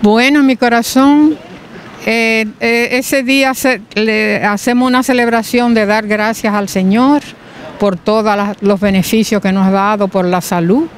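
Woman on the sidewalk, talks real slow, a bit hesitant, some street noise. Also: a little high, fairly even intonation. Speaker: interviewee. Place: city sidewalk outdoors. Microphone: reporter's handheld mic.

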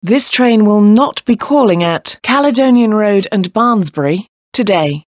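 A woman with an English accent reading scripted railway announcements in a formal, measured, pieced-together way. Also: mid-range voice, lively intonation, no echo, studio quality. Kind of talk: scripted train station announcements.

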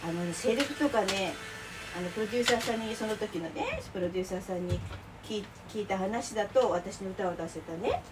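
A middle-aged woman vlogger chats casually while cooking lunch boxes in her home kitchen, rambling, exclaiming and laughing as she works. Her mid-range voice is fairly quick, and the distant mic clearly picks up kitchen noise.

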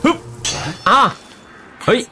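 A man's voice: takes it slowly, bright, forceful tone. A man streaming a video game, translating the characters' lines aloud and chatting about them as he plays. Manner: voices characters' lines and reacts between them. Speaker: gaming streamer. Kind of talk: live game commentary with voice-over translation.

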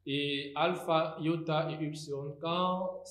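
Male teacher, slightly high voice, very slow deliberate delivery; echoey room. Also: fairly even intonation, fairly bright tone. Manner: slow, deliberate, spells out forms with hesitations. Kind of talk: recorded Greek grammar lesson.

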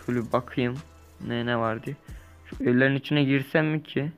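A young man casually commenting while he plays a survival game, rambling, correcting himself and breaking into lively bursts. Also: mid-range voice, fairly quick, creaky, clear, resonant tone, lo-fi sound, faint music behind. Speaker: gaming YouTuber. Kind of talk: casual let's-play commentary.

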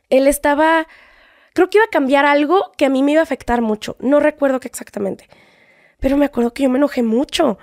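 A young woman with a Mexican accent tells her stories in a high voice as a guest in a casual interview. She acts out the quoted lines as she goes, and the recording is close and dry. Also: darkish tone, no echo. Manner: chatty storytelling, acts out quoted dialogue.

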